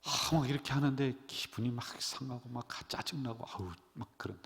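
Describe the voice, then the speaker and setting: A middle-aged man preaching as a pastor, animated, leading his congregation in call-and-response. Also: medium pitch, a little fast. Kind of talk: sermon. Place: church sanctuary. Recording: long church-hall reverb.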